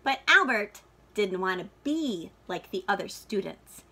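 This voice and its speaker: For an audience of young listeners, a woman reads a picture book like a teacher, with expressive, dramatic and deliberate phrasing. Her voice is mid-range and has a breathy edge.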